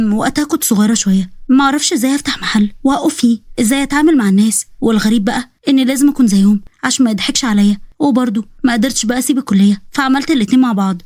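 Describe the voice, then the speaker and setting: A woman voicing a sharp-tongued young woman shopkeeper in an Egyptian story reading, with an Egyptian accent and snappy retorts. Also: fairly high pitch, rapid-fire, dry recording, close to an everyday voice. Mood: reflective. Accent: Egyptian Arabic.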